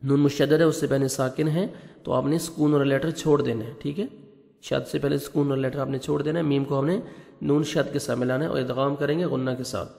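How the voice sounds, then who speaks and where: A man with a Pakistani Urdu accent teaching Quran recitation, who explains each rule slowly and patiently and slips English words into his explanation. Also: mid-range voice, steady tone, gravelly, darkish tone, in a large hall. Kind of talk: tajweed lesson, explaining rules between recited verses.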